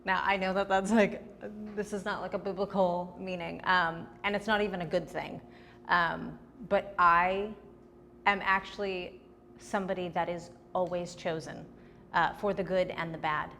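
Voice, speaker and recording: A woman's voice: lowish voice, steady tone, moderate pace, fairly bright tone, big-room sound, slight background noise. A young adult woman, a comedian, giving candid, chatty answers in a casual interview.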